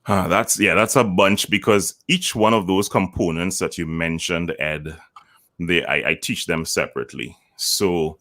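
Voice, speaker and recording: A man who works as a voice coach, explaining his methods as an interview guest in a measured way and demonstrating lines with deliberate intonation. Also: deep voice, fairly bright tone. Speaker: voice communication coach.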